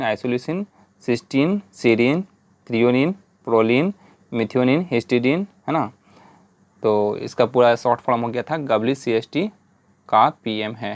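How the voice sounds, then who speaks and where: A male teacher speaks at a middle pitch, and his voice is close and dry. He is patient and goes through the points one by one, repeating checks like "right?" and "okay?" after each point. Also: no room sound. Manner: patient, repeats "है ना" and "ठीक है" often; spells out letters and drills lists step by step. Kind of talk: whiteboard lesson.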